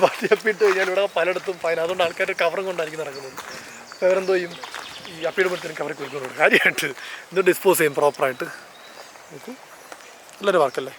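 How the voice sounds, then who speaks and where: Walking outdoors through a park and seaside town, a man with a Malayali accent chats enthusiastically for his casual travel vlog, filmed handheld, often correcting himself. His voice is a little high and a bit bright, with a little hiss or hum.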